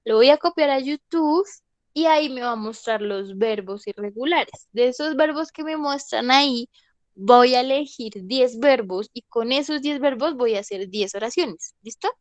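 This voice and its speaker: A woman's voice: a little high, normal speed, no echo. Patient woman teaching a class. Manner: patient, repeats "¿listo?" to check understanding. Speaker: English teacher. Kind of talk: online class explanation.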